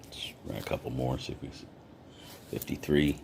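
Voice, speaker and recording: An easygoing man with an extremely low, deep voice talks his way through a hobby vlog. He reads off dates in an unhurried, offhand way, as if talking to viewers at his table. Faint ambient noise sits behind him. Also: little pitch movement, vocal fry, a little mellow. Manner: easygoing, talks while sorting, lists coin dates. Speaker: coin collector vlogger. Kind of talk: casual hobby vlog commentary.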